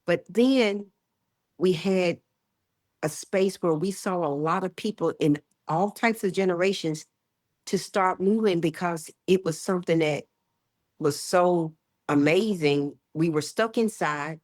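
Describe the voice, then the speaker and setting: A woman in her sixties, a health educator talking as a guest in an interview, emphatic and lively, often acting out what people say. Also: fairly low pitch, measured pace, dry recording, studio quality. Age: 60s. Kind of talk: casual interview chat.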